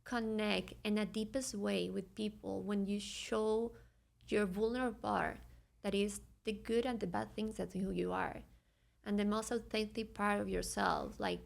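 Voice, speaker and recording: A woman's voice: mid-range voice, steady tone, a little slow, gravelly. A woman from Venezuela with a Venezuelan Spanish accent, a podcast guest speaking earnestly and searching for words in English. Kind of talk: reflective conversational interview.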